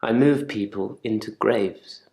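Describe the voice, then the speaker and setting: In a live-action game drama monologue, an actor plays a controlled, quietly menacing therapy patient, speaking in a measured, deliberate, politely probing way. His voice is on the low side with vocal fry, the room is echoey, and the mood is quietly eerie.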